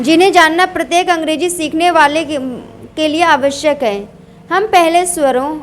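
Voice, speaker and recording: A woman teaching a pronunciation lesson, reading rules aloud and drilling word lists. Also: high voice. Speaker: English teacher. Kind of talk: slow classroom-style pronunciation lesson.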